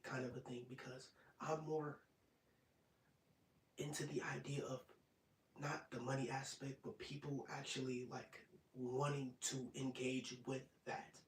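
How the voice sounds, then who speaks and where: A man of twenty-five hosting an ASMR live stream, chatting casually and rambling, sometimes dropping into soft whispers. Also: medium pitch, distant mic. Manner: rambling and relaxed, drops into soft whispers at times. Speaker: ASMR channel host. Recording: roomy, off-mic sound with faint noise.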